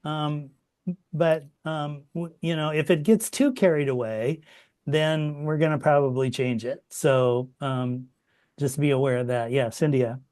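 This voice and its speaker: A middle-aged man teaching a copyediting workshop over a video call, relaxed and chatty, with many fillers and restarts. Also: a little high, unhurried. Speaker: workshop instructor. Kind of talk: informal online workshop teaching.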